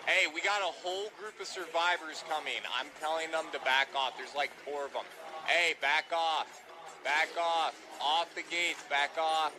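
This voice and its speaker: A slightly high-voiced man talks at a moderate pace while streaming a game. He chats casually in character, issuing bossy squad-leader orders again and again.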